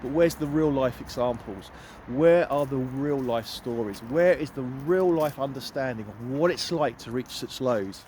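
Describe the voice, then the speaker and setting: This middle-aged UK empowerment coach has a mid-range, slightly mellow voice, unhurried yet with hardly any pauses. He delivers an earnest, emphatic walking vlog among the trees, repeating phrases for weight while holding his phone. Light outdoor noise is audible.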